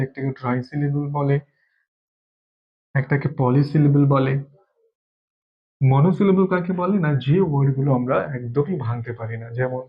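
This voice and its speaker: A man from Bengal gives a classroom grammar lesson at a middle pitch, working through each point slowly and repeating key words to drive them home. The sound is slightly dull and lo-fi. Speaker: English teacher.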